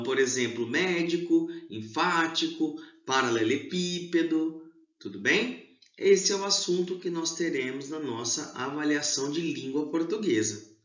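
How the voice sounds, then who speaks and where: A man teaches a review lesson to schoolchildren. He explains slowly and leans hard on key syllables, and his voice rises and falls a lot and sits a bit high. The sound is roomy and echoey, with a dull lo-fi tone. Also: fairly bright tone. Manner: slow, emphatic explaining, stressing syllables. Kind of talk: exam review lesson for children.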